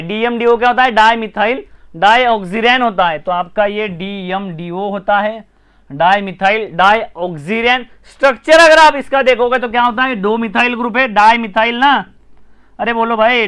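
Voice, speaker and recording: A man with an Indian accent teaching a live online chemistry class, brisk and repetitive, often urging viewers to comment, like and share. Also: extremely high pitch, bright, forceful tone, clean tone.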